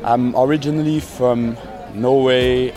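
A musician from Sierra Leone chatting in a relaxed, easygoing way outdoors by a river, with fillers. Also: male voice, mid-range voice, a little slow, a crowd in the background. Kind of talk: casual chat.

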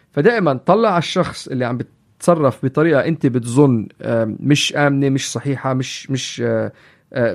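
A man co-hosting a casual parenting chat, telling stories in a lively way and dropping in English phrases. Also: fairly high pitch. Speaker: podcast co-host, parent.

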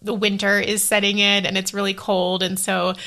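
A woman's voice: mid-range voice, flat delivery, pushed and bright. A woman in her thirties hosting a solo podcast, talking casually and rambling, often correcting herself as she goes. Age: 30s. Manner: chatty and rambling, quick self-corrections. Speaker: podcast host.

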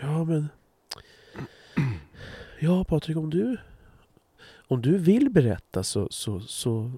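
Guy doing a timid, way too polite chat-room type, all hesitant and sugary, pitched way up. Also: big pitch swings, warm tone, slightly rough, no echo, heavily acted. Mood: mocking. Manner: hesitant, tiptoeing, mockingly sugary.

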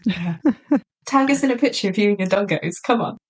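A woman's voice: medium pitch, animated, fairly quick, slightly rough. A woman co-hosting a podcast, chatting casually and eagerly, with lots of "like" in her speech. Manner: chatty and enthusiastic, peppered with "like". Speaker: podcast co-host. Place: lives in a small market town in south-west England.

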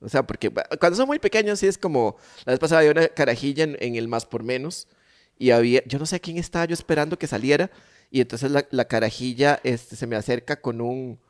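A man's voice: medium pitch, fast. A man with a Costa Rican accent hosting a casual podcast chat, telling stories in a playful way. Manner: playful storyteller, laughs often. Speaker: podcast host.

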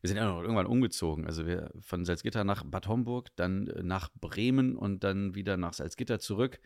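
A man's voice: low-pitched, a little fast, gravelly, darkish tone, dry recording, clean studio sound. A young man from northern Germany, a guest chatting casually in an interview, rambling with many fillers.

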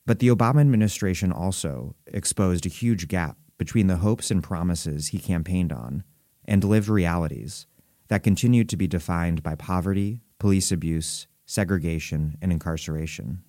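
A man's voice: low voice, moderate pace, dark tone, no echo, clean studio sound. A man reading a scripted introduction as the host of a podcast.

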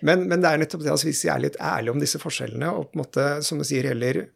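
A man working as a general practitioner, talking in a relaxed podcast conversation, thoughtful and hesitant with many fillers. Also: on the high side, creaky, husky. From Norway.

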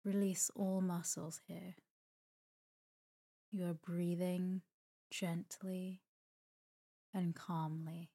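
A woman hosts a podcast as a meditation guide, narrating a slow, scripted sleep meditation. Her low, very mellow voice is soft and breathy, sometimes nearly a whisper, and her calm, soothing delivery has gentle pauses and an even, unhurried melody.

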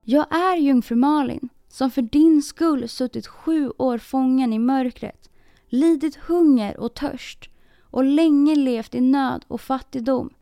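A woman voicing a steadfast, humble young maiden in a storybook reading, speaking calmly in sing-song rhymes. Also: high-pitched, gravelly, dry recording, studio quality, pitched above the performer's own voice. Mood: solemn.

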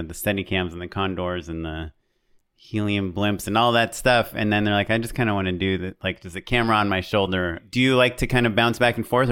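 A man's voice: on the low side, fairly bright tone, clean tone. A male host asking casual, chatty interview questions padded with fillers. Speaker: podcast host.

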